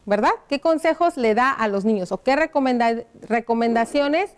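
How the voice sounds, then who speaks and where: A woman teaching a primary school lesson on television, dictating slowly as she writes on a board and checking in with the children through frequent tag questions. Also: on the high side. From Mexico. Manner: slow, careful dictation while writing on a board.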